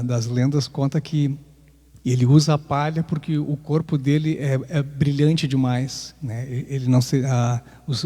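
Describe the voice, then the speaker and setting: Reflective Brazilian man, mellow, reverberant. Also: medium pitch. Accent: Brazilian Portuguese. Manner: hesitant, many restarts, reflective. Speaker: podcast host. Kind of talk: casual talk on Afro-Brazilian myths, with sung chant.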